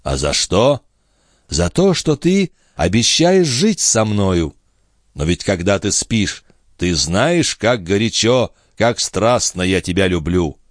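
A man voicing Balsamo, a proud, ambitious man who speaks in a measured, soothing way in an audiobook reading. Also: lowish voice, big pitch swings, no echo, studio quality. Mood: calm. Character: ambitious man, calm, proud, tender but cool.

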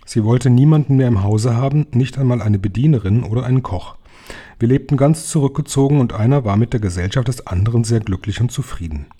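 Calm man with a dark, husky voice. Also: mid-range voice, fairly quick. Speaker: reader. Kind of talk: audiobook narration.

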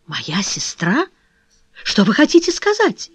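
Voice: mid-range voice, huge pitch swings, slow, slightly rough, no echo, studio quality, heavily acted. A reader voicing a frightened young woman who pleads tearfully for her fiancé in an audiobook. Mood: anxious. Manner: trembling, imploring, tearful. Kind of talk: audiobook reading.

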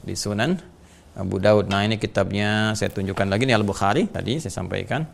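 A middle-aged man, an Islamic teacher giving a recorded religious lesson, animated, with joking asides and slow recitation of Arabic. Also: on the low side, gravelly.

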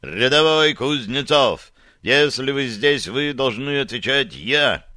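A man voicing a stern, loud army sergeant who interrogates a private with slow, heavy commands in a dry, close recording. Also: mid-range voice, expressive, no echo. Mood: commanding. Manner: barking orders slowly and sternly.

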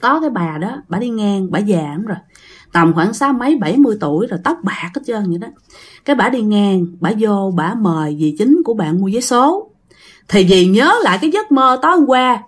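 Woman, Southern Vietnamese accent, ghost-story narration, chatty, lively pitch. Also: fairly quick, husky. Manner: chatty, addresses listeners directly.

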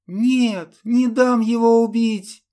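A man voicing a fierce, defiant young woman who shouts in raised, strained outbursts. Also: on the high side, slow, pitched above the performer's own voice. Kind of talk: audiobook character voice.

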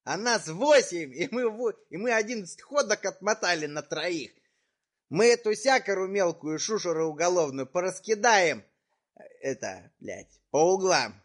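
A man with a fairly high voice makes a prank call. He talks in coarse street slang, improvising and taunting the person he rang. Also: expressive, normal speed. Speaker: prank caller.

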